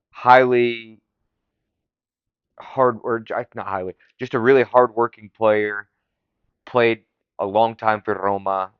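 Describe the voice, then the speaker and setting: A man talks on his own podcast in a low, smooth, resonant voice, eager and rambling, with fillers and false starts. The sound is dry and a little dull, with no room echo. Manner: enthusiastic, rambling, frequent fillers and restarts. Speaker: podcast host. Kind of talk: casual solo podcast monologue.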